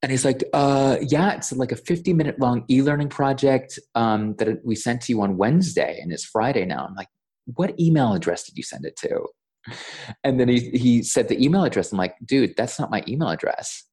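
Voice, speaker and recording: A man's voice: medium pitch, expressive, moderate pace, a little mellow. A man, a voiceover coach, chatting as a podcast guest and retelling a mishap with lots of stammers and quoted dialogue. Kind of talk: casual interview storytelling.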